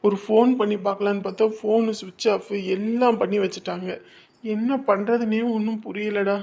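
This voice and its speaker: A woman's voice: mid-range voice, fairly even intonation, fairly quick, vocal fry, a little mellow, lo-fi sound, lightly acted. A woman voicing a worn-out young husband who is desperately searching for his missing wife, pleading and tearful. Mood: worried, exhausted. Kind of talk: audio drama acting.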